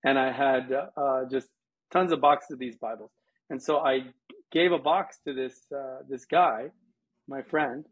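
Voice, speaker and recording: A guest from a missions organization, an American from Colorado, answers interview questions casually, weaving in anecdotes. His voice leans high and is slightly rough. The recording has a lo-fi sound.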